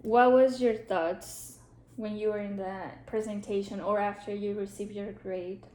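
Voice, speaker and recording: Playing a counselor in a mock therapy session, a woman whose first language is Spanish asks soft questions, pausing and saying "um" often. Her mid-range voice keeps a fairly even intonation, with a roomy echo and slight background noise.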